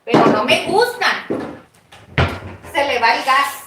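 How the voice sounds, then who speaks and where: A woman runs a chatty home cooking vlog, teasing and confiding in her viewers as she works. Her voice sits high, and the kitchen around her rings with echo. A faint hiss of noise hangs under the recording. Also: big pitch swings, slow. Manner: playful, gossipy, talks straight to viewers. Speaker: cooking vlogger.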